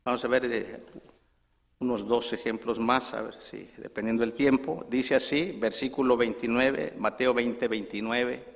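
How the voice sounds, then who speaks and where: Man, preaching, lively storytelling, echoey hall. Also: mid-range voice, a little slow, gravelly. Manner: retells the story acting out voices, with frequent asides. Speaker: minister. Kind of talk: sermon.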